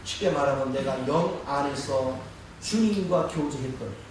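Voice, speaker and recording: A pastor speaks at a medium pitch and an unhurried pace, preaching to his congregation and asking rhetorical questions. He's far from the mic in an echoey church sanctuary, and the background is noisy.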